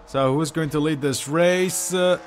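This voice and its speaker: A man giving live sim racing commentary, hesitant and full of fillers, unsure of the order and bursting into excitement at incidents. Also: on the high side, a little slow, a little hiss or hum. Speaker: race commentator.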